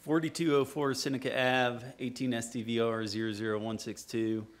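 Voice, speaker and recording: A man's voice: mid-range voice, little pitch movement, normal speed. A man giving a factual staff report at a meeting. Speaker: city staff member.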